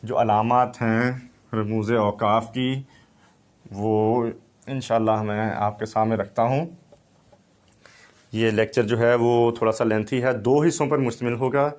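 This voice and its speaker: A man lectures in an unhurried, measured way. His pitch sits in an ordinary middle range for a man. He lays out each point with care, like a teacher at a board. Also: steady tone, darkish tone. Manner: slow, deliberate explaining with anecdotes. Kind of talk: recorded lecture.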